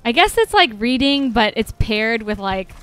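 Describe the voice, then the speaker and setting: A young Dutch woman co-hosts a casual gaming stream, chatting, laughing often, and reading out viewer comments. Her voice is a little high and sing-song, fairly bright and clean at a moderate pace, though the audio quality is poor.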